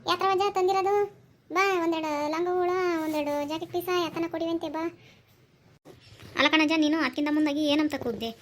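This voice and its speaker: A voice actor doing a shrill, scolding woman. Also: steady tone, fairly bright tone, slight background noise. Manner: scolding, rapid, high-pitched. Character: scolding village woman customer, sharp-tongued. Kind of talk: cartoon voice acting.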